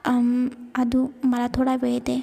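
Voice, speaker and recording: A woman's voice: a little high, completely flat delivery, vocal fry, dark tone, full character voice. A woman voicing a shy young woman who speaks hesitantly. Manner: hesitant, slow.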